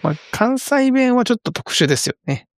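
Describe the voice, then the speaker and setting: A man co-hosting a casual podcast chat, relaxed and joking, his voice strained today. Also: very high-pitched, a little fast, no room sound, studio quality. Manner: relaxed, joking, laughs easily. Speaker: podcast co-host.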